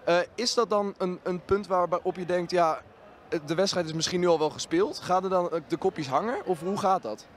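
A man's voice: sits high, normal speed. A man interviewing a player for his club after a match, asking casual questions with frequent restarts, outdoors at a stadium. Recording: faint outdoor noise.

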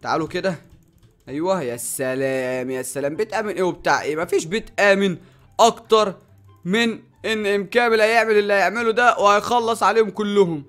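A man with an Egyptian Arabic accent giving excitable Minecraft gameplay commentary, often shouting and yelping at sudden dangers. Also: high-pitched, quick pace, soft background music. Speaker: gaming YouTuber.

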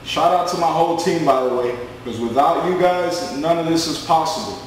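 A man in his twenties giving a screen-recorded sales pitch, pushy and boastful, repeating himself a lot. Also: normal speed, reverberant, slight background noise, low-quality recording. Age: 20s. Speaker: network marketing recruiter.

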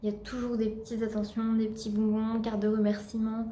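A woman's voice: a little high, monotone, fairly quick, mellow, reverberant, slight background noise. Chatty Normandy French woman vlogging. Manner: chatty, many fillers and restarts. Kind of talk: casual vlog chat. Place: at home.

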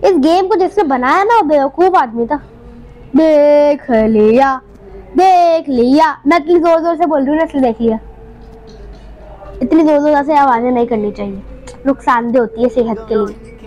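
Her pitch is high and her pace fairly quick as this female gaming host jokes her way through a game live. She keeps bursting into panicked, excitable shouts.

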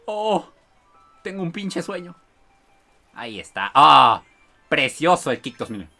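A man with a Mexican accent streaming a game, reading chat aloud and breaking into excited shrieks and laughter. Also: fairly high pitch, measured pace, gravelly, soft background music. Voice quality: bursts into shrieks and squeals of excitement, laughs often.

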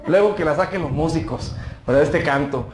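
A man's voice: fairly high pitch, normal speed, reverberant, a little hiss or hum. A male pastor preaching a conversational sermon, often tossing in rhetorical asides to the congregation.

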